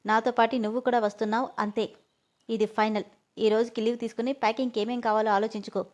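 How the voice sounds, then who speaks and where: A man's voice: very high-pitched, fast talker. A woman voicing a stubborn young male boss who speaks firmly and insistently. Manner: firm, insistent. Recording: dull lo-fi audio.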